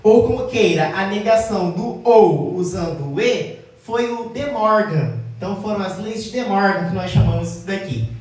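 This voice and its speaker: A woman teacher explaining logic at a whiteboard, often checking in with the class and slowing down to stress key terms. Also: mid-range voice, animated, a little mellow. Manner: addresses class as "gente", checks with "tá?"; slows down to stress key words. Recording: very echoey room, mic far off.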